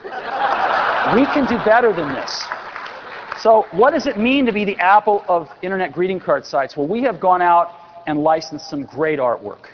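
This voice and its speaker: A man's voice: high-pitched, lively intonation, moderate pace, crowd noise, background noise. A man in his forties giving an enthusiastic product keynote on a large convention stage, with dry sarcastic asides. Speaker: company executive presenting on stage. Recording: dull lo-fi recording with long hall reverb.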